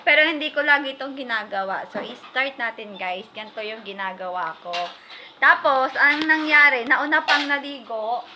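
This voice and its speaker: A woman's voice: high-pitched, moderate pace, sharp tone. A woman from the Philippines chatting casually in a rambling family vlog from her home kitchen, full of fillers. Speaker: vlogger. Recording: echoey room with noise.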